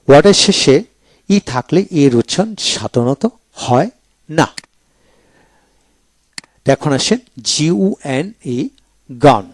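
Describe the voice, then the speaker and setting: A man with a Bengali accent teaching English pronunciation in a video lecture. He spells each word letter by letter and repeats it slowly. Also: mid-range voice, no room sound.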